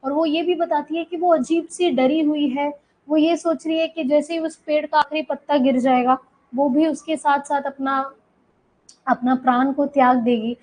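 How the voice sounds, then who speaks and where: High-voiced woman teacher explaining a story. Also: fairly even intonation, moderate pace, a little mellow, low-quality recording. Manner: explains line by line, checks in with students. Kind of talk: Hindi lecture explaining an English story.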